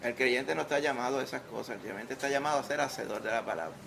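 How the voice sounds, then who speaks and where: A man's voice: mid-range voice, quick pace, creaky, noisy background. A man with a Puerto Rican accent preaching a sermon in church, conversational, with humor and rhetorical questions. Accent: Puerto Rican Spanish. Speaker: pastor. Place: church sanctuary.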